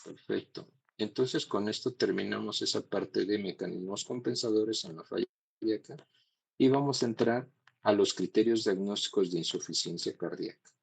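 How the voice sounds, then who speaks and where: A man's voice: fairly low pitch, normal speed, gravelly, slightly rough, rough recording. A man giving a classroom lecture on cardiology, explaining step by step and checking in with his students.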